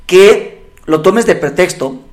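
A man's voice: sits high, animated, slow pace, a little mellow. A middle-aged man, co-hosting a casual talk show and acting out his own inner thoughts as he reflects. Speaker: podcast co-host. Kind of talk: casual chat.

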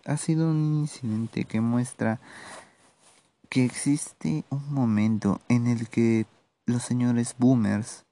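A man with a very dark, mellow voice and a Peruvian accent delivers a solo commentary as a podcast host. He speaks slowly, in a measured and sardonic manner, often pausing as he goes. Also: mid-range voice. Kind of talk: solo political commentary monologue.

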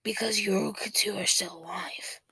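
A woman's voice: medium pitch, steady tone, unhurried, pushed and bright, slightly rough, full character voice. A woman voicing a scratchy, whispering villain who plots to take over the podcast, talking in a menacing, smug way.

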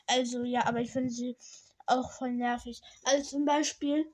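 A woman's voice: fairly high pitch, flat delivery, normal speed. A young teenage girl hosting a casual solo podcast, rambling in slangy, self-correcting speech slightly slurred by her braces. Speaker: podcast host.

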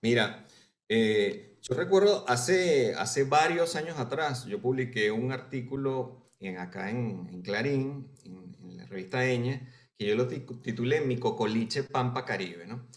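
A man's voice: medium pitch, expressive, a little slow, echoey room. A Venezuelan man, a writer, answering interview questions thoughtfully with many hesitations and tag questions. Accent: Venezuelan Spanish with Argentine touches. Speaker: writer guest.

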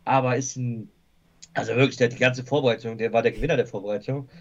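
A man in a casual football chat who weighs his points and pauses often with fillers. His voice sits in a middle register. The sound is somewhat dull and lo-fi. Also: medium pitch, fairly even intonation. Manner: thoughtful, hesitant with fillers. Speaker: guest football fan.

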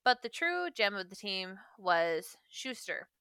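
A woman's voice: mid-range voice, sing-song, slow, pushed and bright, clean tone, dry recording. A woman co-hosting a casual history podcast, reading from notes with jokey asides and frequent laughter. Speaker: podcast co-host.

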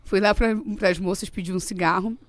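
A young Brazilian woman telling a story in casual chat as a guest, animated and laughing often. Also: medium pitch, a little fast.

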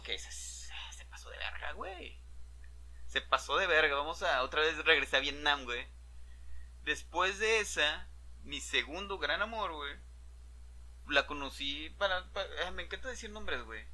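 A young man with a Mexican accent tells a personal story in a loose, profane chat. His voice sits a little high and sounds strikingly bright and sharp. He tags nearly every phrase with a slang filler. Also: expressive, moderate pace. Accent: Mexican Spanish.

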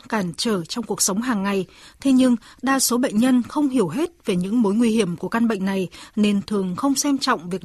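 A woman's voice: on the high side, darkish tone, husky, dry recording, studio quality. A woman reading scripted health narration as the narrator of a radio segment.

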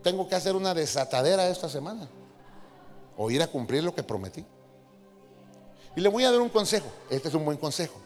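High-voiced preacher. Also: male voice, fairly quick, long pauses. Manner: animated preaching, acting out quoted voices. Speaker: pastor. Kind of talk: sermon. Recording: reverberant hall with faint music.

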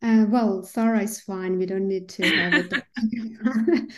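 A middle-aged woman from Iran, a physicist speaking as a podcast guest in a relaxed, hesitant way with many fillers and light laughs. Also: mid-range voice, slow pace. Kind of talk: conversational interview.

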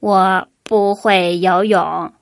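A woman voicing a mischievous runaway duck who speaks slowly and apologetically in a children's storybook reading. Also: fairly even intonation, creaky, no room sound, studio quality. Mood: sheepish. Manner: slow, low, apologetic.

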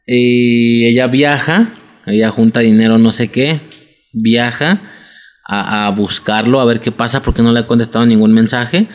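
A man's voice: medium pitch, measured pace. Laid-back Mexican man, slangy chat. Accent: Mexican Spanish. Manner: relaxed, slangy, laughs along. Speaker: podcast co-host. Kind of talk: casual chat recapping a drama.

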